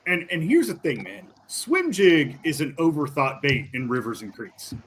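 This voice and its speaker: A man's voice: fairly high pitch, wildly swooping pitch, moderate pace, a bit bright, slight background noise. A man co-hosting a livestream, chatting casually and enthusiastically, teasing his guests. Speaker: co-host. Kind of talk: casual chat.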